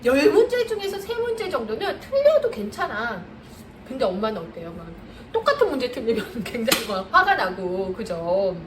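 A middle-aged woman tutor giving an animated, emphatic lecture to mothers on coaching their children, laughing often as she talks. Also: fairly high pitch, normal speed. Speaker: math tutor coaching parents. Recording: echoey room, mic at a distance, faint noise.

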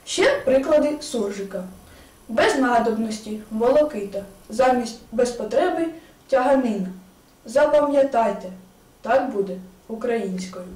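A woman reads a prepared explanation in a measured way at a school event. Her voice is higher than usual. She is far from the mic in a roomy, echoing hall. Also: lively intonation, a little mellow. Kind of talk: scripted recitation at a school event. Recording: echoey hall, distant mic.

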